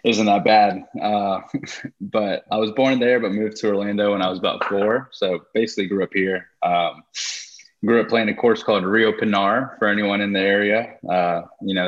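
Easygoing young man, low dull voice. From Costa Rica. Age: 20s. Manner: relaxed, laughs easily, plain storytelling. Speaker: guest golfer. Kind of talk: casual podcast interview. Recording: dull lo-fi podcast audio.

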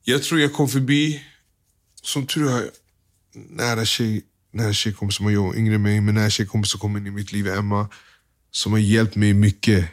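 A young man speaks in a fairly low voice, quietly and haltingly. He retells his story in loose everyday slang and acts out what people said. He is a guest being interviewed. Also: fairly even intonation. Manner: subdued, halting, slangy retelling with quoted dialogue. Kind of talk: candid personal storytelling.

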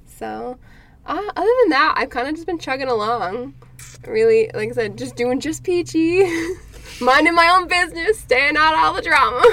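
A woman co-hosting a podcast in casual chat, playful and quick to laugh. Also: high voice, pushed and bright. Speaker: podcast co-host.

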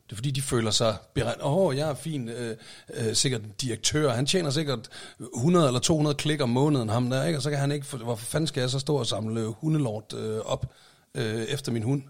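A man's voice: medium pitch, creaky. A man co-hosting a casual podcast who teases his co-host and swears freely, with lots of restarts. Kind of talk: casual chat.

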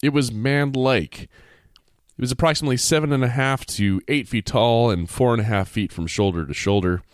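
A man's voice: medium pitch, normal speed, dry recording. A man co-hosting a casual podcast, reading a story aloud with playful jokey asides. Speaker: podcast co-host reading stories.

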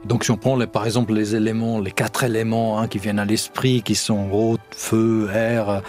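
A man giving conversational analysis on a podcast in a halting, self-repeating way. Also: lowish voice, level tone, a little mellow, soft background music. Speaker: podcast commentator.

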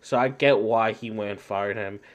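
A man's voice: on the low side, fairly even intonation, normal speed. A man co-hosting a sports podcast, talking loosely and full of slang. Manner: slangy, loose, says bro a lot. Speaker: podcast co-host. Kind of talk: casual sports chat.

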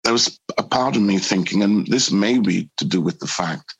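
A man from Newcastle with a Geordie accent, an actor reflecting in an interview, thoughtful and halting, often repeating words as he finds his thought. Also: lowish voice, husky, muffled recording. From born in Trinidad, grew up in Newcastle.

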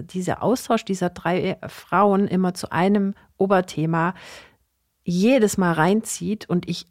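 A woman's voice: on the low side, darkish tone, no room sound, clean studio sound. A woman co-hosting a podcast, chatting enthusiastically with some hesitations. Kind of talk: casual podcast conversation.

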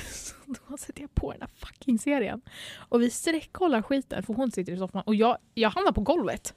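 A woman's voice: on the high side, lively intonation, a little mellow, no room sound. A young woman from Sweden co-hosting a casual chat podcast, gushing and laughing a lot while swearing freely. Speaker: podcast co-host.

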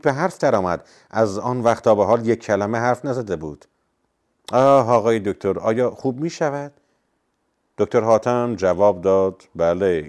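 A man narrating a novel and voicing its characters in a calm, measured reading. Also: low-pitched. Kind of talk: audiobook reading with character voices.

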